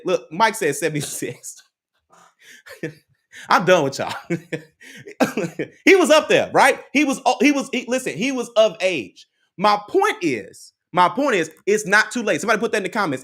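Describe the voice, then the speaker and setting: A credit advice livestream host delivers a live motivational chat to his viewers in a lively, up-and-down voice that sits high. He is preachy, repeats key lines, laughs often and talks directly to the chat.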